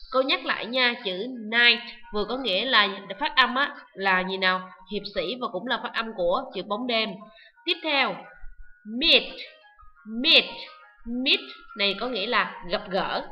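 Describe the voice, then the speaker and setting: A woman teaching an online English lesson, loudly repeating words and often checking whether the students follow. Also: mid-range voice, highs cut off. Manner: drills words loudly with repetition; asks students frequent checking questions.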